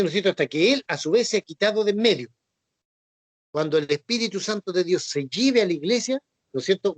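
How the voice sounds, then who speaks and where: A man delivers a Bible teaching sermon in a high voice. He repeats his points patiently and keeps asking if the listeners follow. The sound is dry and close, with no room echo. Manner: repetitive, checks understanding with tag questions. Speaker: preacher.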